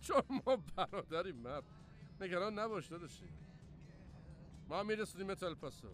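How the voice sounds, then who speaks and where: A goofy teasing brother. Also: male voice, sits high, lively intonation, a bit bright, soft background music. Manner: playful and joking, bouncy delivery. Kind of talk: dubbed film dialogue.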